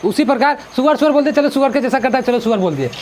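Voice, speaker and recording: Guy teaching a hindi chapter, chatty and keeps repeating, really high voice. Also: expressive, racing, a little mellow, slight background noise. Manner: chatty, repetitive, mixes in English words. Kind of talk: explaining a school literature chapter.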